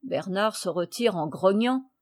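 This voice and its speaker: A woman reading a classic children's novel aloud in a measured, steady way. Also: medium pitch, dry recording. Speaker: reader.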